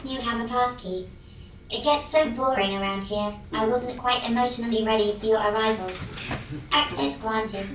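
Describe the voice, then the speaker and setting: A woman's voice: on the high side, moderate pace, slight background noise, lightly acted. Stern security system voice acted by a woman, bored and announcing, stage play, heard from afar in an echoey room. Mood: chatty. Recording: echoey stage sound from far off, with music.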